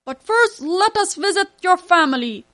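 A woman voicing a generous, commanding king in a loud, proclaiming manner. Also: very high-pitched, expressive, normal speed, dry recording, voice pushed up.

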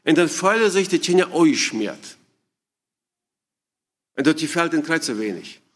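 A man with a slightly raised voice gives an informal talk to parents. He speaks haltingly, often restarting and searching for words. He keeps turning to his listeners with questions. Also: fairly high pitch, big pitch swings.

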